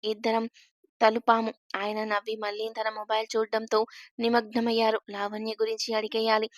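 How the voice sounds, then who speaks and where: Woman telling a story in a flat, steady voice. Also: fairly high pitch, normal speed, dry recording. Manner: steady, even reading of a first-person tale. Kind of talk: scripted story narration.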